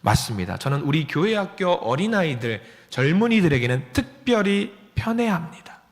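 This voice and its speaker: A man's voice: fairly high pitch, big pitch swings, moderate pace. A male pastor preaching a sermon, telling a story with acted dialogue and questions to the congregation. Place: church sanctuary. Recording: long church hall reverb.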